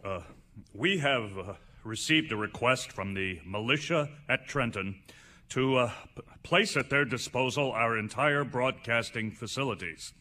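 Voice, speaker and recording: An actor playing a stiff, nervous radio executive stumbling through an official statement in a 1930s radio drama. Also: male voice, medium pitch, unhurried, sharp tone.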